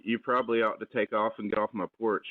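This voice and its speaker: A man's voice: on the low side, little pitch movement, fast. Man through a tinny doorbell speaker. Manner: blunt, warning. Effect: heard through a doorbell camera speaker. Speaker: homeowner. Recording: tinny, distant doorbell camera audio with hiss.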